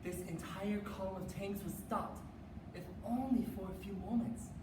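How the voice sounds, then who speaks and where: At a live competition in a room, a reader's theater performer gives a rehearsed, dramatic spoken-word recitation in a declamatory, emphatic way. The voice is medium-pitched with fairly even intonation and a moderate pace, picked up by a distant mic in a roomy, noisy space.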